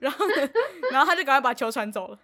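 A young woman, co-hosting a podcast and telling a story in casual chat, animated and laughing often. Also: high voice, very fast. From Taiwan. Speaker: podcast co-host.

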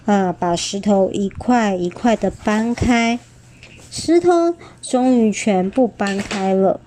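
A woman reading a picture book aloud, gentle and exclaiming, pausing to chat with her listener. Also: mid-range voice, a little hiss or hum. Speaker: storyteller.

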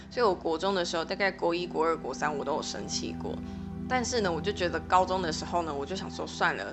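A young adult woman hosting a podcast, telling a personal story in a rambling, chatty way with many fillers, flaring up when she recounts quarrels. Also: on the low side. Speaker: podcast host.

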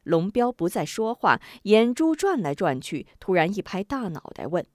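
Expressive woman reading a martial-arts tale. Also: medium pitch, normal speed, dry recording, studio quality. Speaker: storyteller. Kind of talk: scripted narration of a martial-arts novel.

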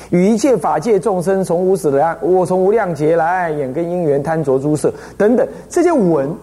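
A man with a Taiwanese Mandarin accent gives a lively Buddhist dharma lecture as an abbot. He tells stories and keeps asking the listeners rhetorical questions. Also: high voice. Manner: animated storytelling, frequent rhetorical questions.

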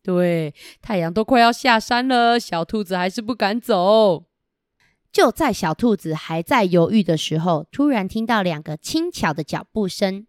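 A woman's voice: medium pitch, lively intonation, moderate pace, dry recording, studio quality. A woman with a Taiwanese Mandarin accent telling a picture-book story as if reading to a toddler, putting questions to the children.

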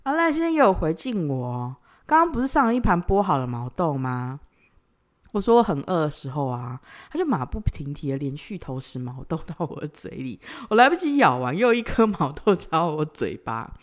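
A young woman hosts a podcast. She tells a personal story in a casual, teasing way and often breaks into giggles. Her voice sits a little low but swings through a very wide range. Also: very animated, normal speed. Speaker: podcast host.

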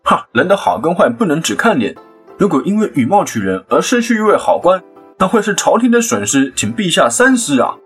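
A man's voice: a little high, very animated, fairly quick, fairly bright tone, breathy edge, soft background music, pitched above the performer's own voice, full character voice. A man voicing a loyal male examiner earnestly pleading before the emperor. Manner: earnest, imploring appeal.

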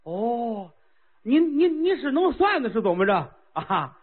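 A man's voice: very animated, unhurried, husky, exaggerated voice. A man playing an impatient, lovesick old-time king. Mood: eager, impatient. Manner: eager, whiny, high-pitched pleading. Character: impatient, girl-crazy ancient king. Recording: tinny lo-fi phone-like sound.

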